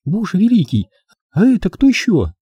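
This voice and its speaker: A man reading an audiobook, voicing a frightened, tearful young woman who pleads in a high-strung way. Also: wildly swooping pitch, normal speed, warm tone, husky, no echo, muffled recording, full character voice. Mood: alarmed. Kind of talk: audiobook character voice.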